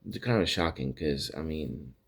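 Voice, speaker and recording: A man's voice: rumbling low, animated, moderate pace, vocal fry, breathy edge. A man hosting a podcast, casually retelling TV episodes in a rambling way with many restarts and acted-out quotes. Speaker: podcast host recapping TV episodes. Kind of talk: casual recap chat.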